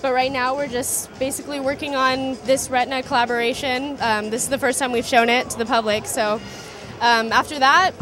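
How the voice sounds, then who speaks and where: This casual interview takes place at a busy indoor trade show booth, where a young Southern Californian designer speaks at a moderate pace in a high-pitched voice. Loud music plays in the background. Her delivery is relaxed and filler-heavy, trailing off a little, into a handheld mic.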